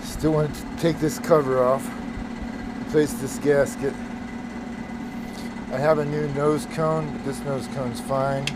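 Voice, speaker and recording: A man's voice: medium pitch, fairly even intonation, a little slow, pauses often. A man talking offhand to the camera outdoors as he looks over car parts, out of breath and thinking aloud with trailing restarts. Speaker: backyard mechanic vlogger. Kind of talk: casual talk while working on a car. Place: outdoors in a humid back yard. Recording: loud background noise outdoors.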